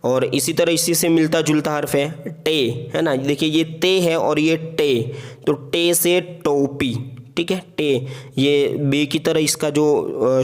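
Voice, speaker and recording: A man teaching the alphabet in a patient voice-over lesson, repeating each letter slowly and checking in often. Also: on the high side. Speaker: Urdu teacher.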